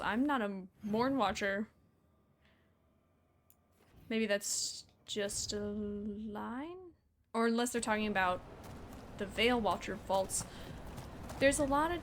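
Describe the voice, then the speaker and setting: A woman's voice: medium pitch, a little hiss or hum. A woman streamer giving casual, giggly gaming commentary and swearing freely.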